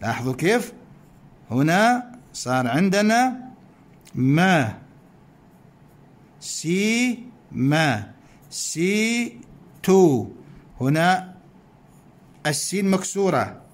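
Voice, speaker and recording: Male teacher, higher voice, patient step-by-step explainer who repeats points and quizzes his listeners. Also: very animated. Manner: slow, repeats points, asks questions of listeners. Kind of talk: recorded grammar lesson.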